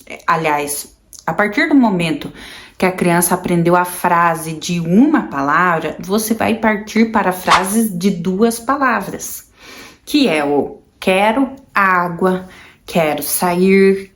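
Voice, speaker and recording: A Brazilian woman speaks in a slightly low voice, addressing her viewers directly as a mother. She explains patiently and step by step, and often repeats simple examples so they sink in. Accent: Brazilian Portuguese. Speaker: mother sharing parenting experience. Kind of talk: casual explanatory monologue to viewers.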